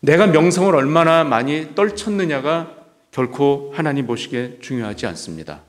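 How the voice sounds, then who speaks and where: A man's voice: a little high, lively intonation, normal speed. Emphatic male pastor in an echoing hall. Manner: asks the congregation rhetorical questions, emphatic repetition. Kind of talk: sermon. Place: church sanctuary. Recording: long hall reverb.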